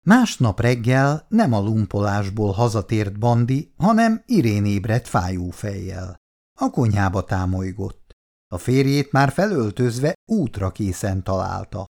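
A narrator reading a family story in a lively, expressive style. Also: mid-range voice.

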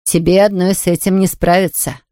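A woman's voice: on the low side, little pitch movement, fairly quick, dark tone, no echo, close to an everyday voice. A woman reading aloud, voicing a proud, frail older aunt who speaks in a dry, disapproving way. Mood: stern. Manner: dry, sniffing, reproachful.

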